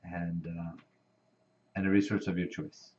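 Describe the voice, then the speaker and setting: A man's voice: sits low, little pitch movement, unhurried, dark tone. A man who knows the game well, patiently explaining the rules in casual board game chat, with many fillers. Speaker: experienced player explaining rules. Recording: dull lo-fi recording.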